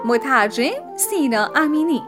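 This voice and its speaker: A woman narrating a children's storybook with expressive, animated storytelling. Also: high-pitched, loud music behind the voice. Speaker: audiobook narrator.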